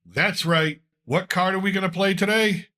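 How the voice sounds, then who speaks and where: Congested from a cold, a male podcast host rambles loosely about the news on his casual talk show, often saying "uh." He talks at a normal speed in a high-pitched voice that sounds bright and pushed.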